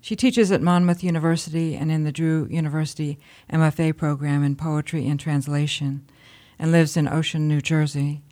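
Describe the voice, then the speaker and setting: A woman's voice: sits low, steady tone, moderate pace, warm tone. A woman hosting a weekly radio program, reading a guest introduction and then chatting. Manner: scripted introduction, then friendly chat. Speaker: radio show host. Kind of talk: radio interview.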